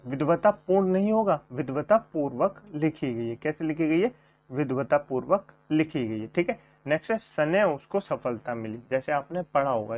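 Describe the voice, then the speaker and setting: Man teaching a coaching class, slightly high voice, dull lo-fi recording, repeats each question and answer. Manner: repeats questions and answers, addresses viewers as friends. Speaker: Hindi grammar teacher. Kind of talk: online coaching class lesson. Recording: dull lo-fi sound.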